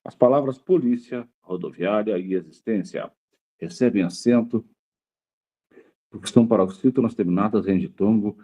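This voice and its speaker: A man's voice: fairly low pitch, moderate pace, mellow. A male teacher giving a grammar lesson to a class, repeating key words and checking in with the students after nearly every point.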